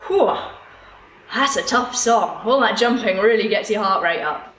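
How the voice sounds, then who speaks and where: A woman's voice: mid-range voice, animated, unhurried, a bit bright, slight background noise. A woman presenting a children's holiday club, upbeat and enthusiastic. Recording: roomy, from a distance, music behind.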